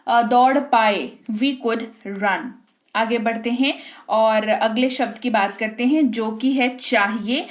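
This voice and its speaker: A woman with an Indian accent teaching grammar, explaining patiently and slowing down to say example sentences. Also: high-pitched. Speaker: English teacher.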